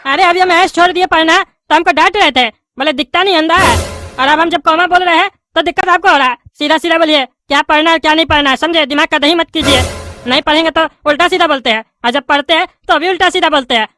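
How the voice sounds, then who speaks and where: A woman's voice: extremely high pitch, quick pace, bright, forceful tone, dry recording, faint music behind. A woman voicing a bald, argumentative male politician who is a student. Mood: arguing. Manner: argumentative, stumbles reading English aloud. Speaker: student in a class. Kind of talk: cartoon comedy voice acting.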